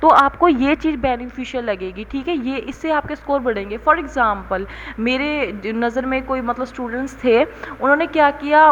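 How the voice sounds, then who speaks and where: A woman's voice: high-pitched, fairly bright tone, lo-fi sound, slight background noise. A young woman giving a casual coaching lesson, mixing English terms into Hindi and often checking in with "theek hai". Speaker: exam coaching tutor.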